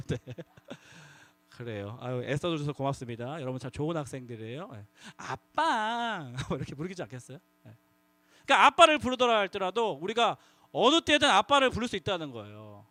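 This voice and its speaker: A man preaching to middle schoolers as their youth pastor, lively and coaxing the audience to call out together. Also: on the high side, a little fast, no echo. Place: church youth worship hall.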